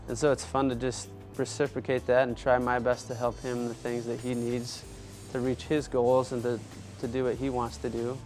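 A small business owner in his thirties talks earnestly and upbeat about his furniture business in a casual interview, recorded on a lapel mic in a workshop. His medium-pitched voice has a darkish tone and little pitch movement, at normal speed, with soft music behind him.

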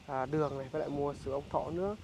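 A man doing a casual on-location interview in a rural village, speaking haltingly with many filler sounds. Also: fairly high pitch, steady tone, darkish tone, slight background noise. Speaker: vlogger visiting a poor family.

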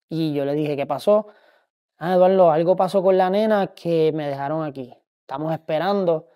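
A man in his thirties with a Puerto Rican accent, giving a personal faith testimony, halting and grieving with many pauses. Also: a little high, warm tone. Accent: Puerto Rican Spanish. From Puerto Rico. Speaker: testimony speaker.

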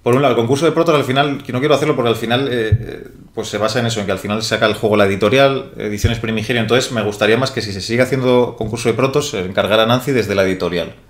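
The host of a board game channel, a young man, races through casual live-stream chat in a medium-pitched voice that sounds roomy. Heavily sweating at a desk microphone on a small studio set, he often restarts and self-corrects.

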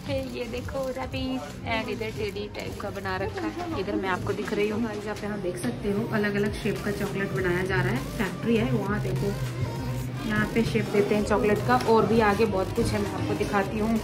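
A woman's voice: medium pitch, steady tone, normal speed. A young woman from India, chatting casually as she shows places to her phone camera in a travel vlog. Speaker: vlogger. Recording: loud background music.

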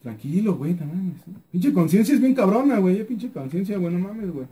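A young Mexican man with a Mexican accent, commenting on his own gameplay, excitable, swearing freely and muttering repeated words under his breath. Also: high-pitched, fairly quick. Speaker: gaming YouTuber.

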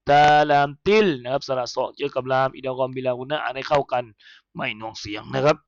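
A man teaching Quran recitation. He spells verses letter by letter in a chanted tone, then explains how each sound is made, slowly and politely. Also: medium pitch, steady tone, no echo, lo-fi sound.

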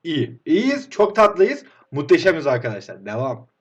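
A man in his twenties commentating his own football game play, swinging from hushed groans to excited outbursts. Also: on the high side, moderate pace, breathy edge, dull audio. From Turkey. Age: 20s. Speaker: mobile football game streamer. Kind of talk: live gameplay commentary.

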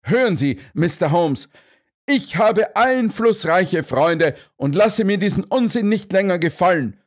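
A man reading an audiobook, voicing a blustering, indignant restaurant owner who protests loudly and huffily. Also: high-pitched, lively intonation, unhurried, pitched above the performer's own voice. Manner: huffy, loud, protesting.

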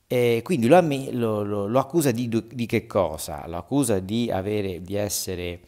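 A male teacher giving a literature lesson, explaining answers haltingly and reading verses slowly with added emphasis. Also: on the low side, a little mellow. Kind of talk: literature lesson going over homework answers.

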